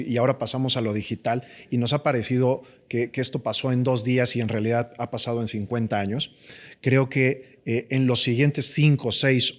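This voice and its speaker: A man with a Mexican Spanish accent, a physician talking as a guest in a podcast conversation, emphatic and often repeating words as he thinks. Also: mid-range voice.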